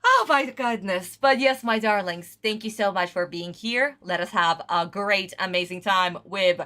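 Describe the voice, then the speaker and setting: A woman chats casually on a livestream while reacting to anime, effusive, theatrical and full of endearments. Her voice is medium-pitched, bright and forceful, and she speaks a little slowly.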